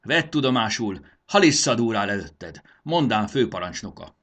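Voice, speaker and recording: A man's voice: lowish voice, expressive, a bit bright. A man voicing a pompous, hot-tempered male warlord who bellows commands in a storybook reading. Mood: furious. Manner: bellowing commands, self-important.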